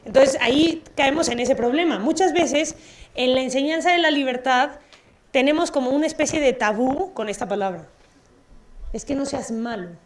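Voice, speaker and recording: A woman lectures in an auditorium, speaking. Her voice sits fairly high. She keeps things lively, putting questions to the room and adding playful asides. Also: normal speed. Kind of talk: public talk with audience questions.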